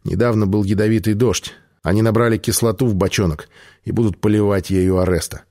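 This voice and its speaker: A man voicing a gruff, grim bearded nomad in an audiobook reading, speaking slowly. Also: fairly low pitch, fairly even intonation, dark tone, lightly acted.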